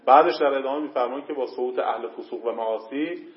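A man teaching a seminary class, reading out Arabic passages and explaining them, with pauses and questions to his students. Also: medium pitch. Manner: hesitant fillers, questions to the class. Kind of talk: classroom lecture on a legal text. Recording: dull lo-fi classroom recording.

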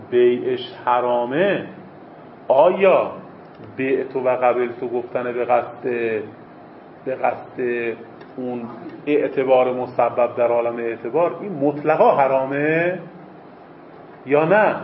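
A man's voice: medium pitch, slight background noise. A man teaching a seminary class, posing rhetorical questions, answering them himself and repeating key phrases for emphasis. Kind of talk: lecturing on Islamic jurisprudence. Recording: echoey, dull lo-fi classroom recording.

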